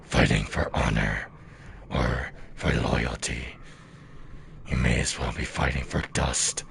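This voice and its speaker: A man puts on a solemn game warrior with a very deep, grave voice, muffled behind a face mask. The delivery is grim and weighty, with faint noise on the recording. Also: fairly even intonation, slow, gravelly, fairly bright tone, full character voice.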